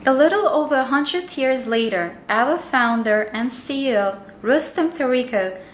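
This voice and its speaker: Woman, corporate training narrator; higher voice, unhurried read, roomy echo. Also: animated, a little hiss or hum.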